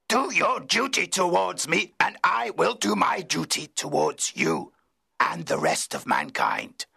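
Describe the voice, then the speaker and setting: Frankenstein's monster, gravelly and wretched. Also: male voice, a little high, sharp tone, no room sound, clean studio sound, full character voice. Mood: threatening. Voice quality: gravelly, rasping. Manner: slow, heavy, emotional pleading. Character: wretched, menacing, pleading man-made monster, lonely and bitter. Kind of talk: dramatised literary audiobook.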